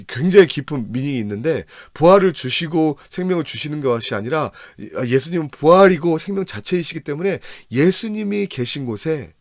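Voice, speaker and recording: A man teaching a church Bible lesson, halting often with restarts and fillers, and acting out the lines he quotes. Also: a little high, no echo, studio quality. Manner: acts out quoted speech.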